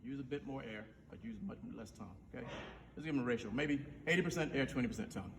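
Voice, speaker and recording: A band director teaches a rehearsal in a school band room, speaking at a quick pace in a medium-pitched voice. Counting the players in, he sings syllables to demonstrate each note's sound. The audio is far-off and reverberant, carrying a faint hiss of noise.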